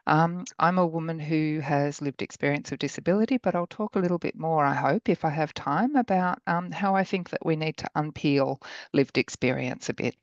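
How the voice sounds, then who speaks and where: Middle-aged female academic, croaky and hoarse, measured conference delivery, dry lo-fi video-call sound. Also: sits low, no room sound. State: hoarse after illness. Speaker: academic researcher giving a talk. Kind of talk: informal conference talk. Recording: dull lo-fi call audio.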